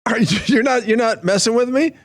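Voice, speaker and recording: A man's voice: very high voice, brisk. A man from the American Midwest, a podcast guest who explains things with an amused, incredulous edge. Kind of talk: casual conversation.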